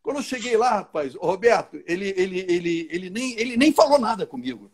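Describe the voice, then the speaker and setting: A man's voice: high voice, fairly quick, breathy edge. A man with a Rio de Janeiro accent, telling a long story on a video call as an interview guest and acting out each person in it. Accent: Rio de Janeiro Portuguese. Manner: animated, acts out dialogue with voices. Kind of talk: casual storytelling.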